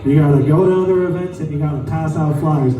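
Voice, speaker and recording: Stand-up comic with a high voice and a warm, dark tone, doing crude bar stories, recorded far off in an echoey club. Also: male voice. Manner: crude, storytelling, quick asides. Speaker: stand-up comedian. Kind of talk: stand-up comedy set. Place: small lounge club.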